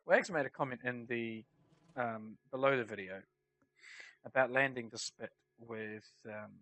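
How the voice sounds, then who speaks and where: Guy w a stuffy nose from a cold, bright nasal voice, casually talking thru flight sim gameplay. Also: mid-range voice, measured pace, pauses often. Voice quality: nasal, congested. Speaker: flight sim player narrating a tutorial. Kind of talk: casual explanatory gameplay commentary.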